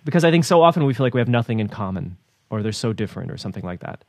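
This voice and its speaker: A man's voice: fairly low pitch, sing-song, rapid-fire, vocal fry, a little mellow, no echo, studio quality. Rambling man chatting about the news. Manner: rambling, repeats words, laughs between points. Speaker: co-host of a news talk program. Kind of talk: casual news discussion.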